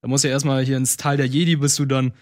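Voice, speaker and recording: Guy on a gaming show, talks fast, lots of uhs, mid voice. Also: medium pitch, level tone. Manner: quick, hesitant, many fillers. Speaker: podcast co-host. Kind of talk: casual gaming chat.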